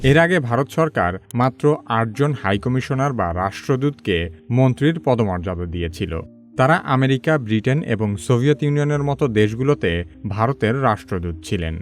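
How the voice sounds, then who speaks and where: A man narrates a scripted news explainer in a measured, even manner, his sentences falling low at their ends. Faint music plays in the background.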